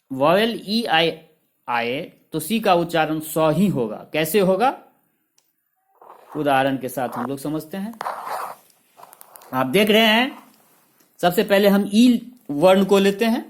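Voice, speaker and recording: A man teaching a lesson, listing example words one by one and spelling some of them out letter by letter. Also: sits high. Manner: lists examples in a steady rhythm. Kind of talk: classroom-style lesson explanation.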